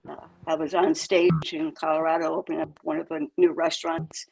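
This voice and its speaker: A woman in her seventies from upstate New York talks through her career as an interview guest. Her voice carries a gravelly rasp, and she wanders from point to point with many pauses and fillers. A faint hiss sits under her voice. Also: low-pitched, flat delivery, a little mellow, rough recording. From New York State, USA. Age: 70s. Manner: rambling, hesitant, with frequent fillers. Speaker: guest, crypto project co-creator. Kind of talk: casual interview chat.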